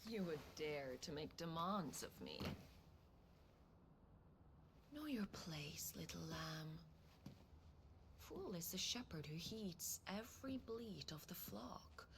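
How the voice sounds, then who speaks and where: An actress playing a haughty, seductive and cruel sorceress villainess in a video game, imperious and mocking, over music. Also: female voice, low voice, lively intonation, a little slow, gravelly, hardly any pauses, background noise, exaggerated voice. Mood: scornful, threatening. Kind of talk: dramatic video game acting.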